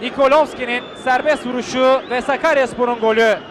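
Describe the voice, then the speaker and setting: A man giving live football play-by-play in clipped phrases, calling out players' names and shouting excitedly at chances. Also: very high voice, fairly quick. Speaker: football commentator. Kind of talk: live play-by-play match commentary. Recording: loud crowd and noise behind. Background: stadium crowd.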